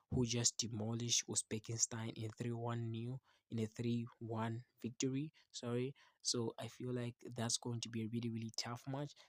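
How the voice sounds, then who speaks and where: A man's voice: medium pitch, no room sound. A man giving casual, opinionated football commentary, emphatic and often repeating words and phrases for stress. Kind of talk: casual match commentary to camera.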